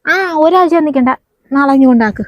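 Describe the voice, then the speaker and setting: A woman's voice: mid-range voice, little pitch movement, a little fast, close to an everyday voice. A woman acts out an anxious, caring mother-in-law in an amateur family web drama. She soothes, repeats herself, and worries aloud. The recording is a little dull and lo-fi. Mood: loud, alarmed. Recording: slightly dull, lo-fi sound.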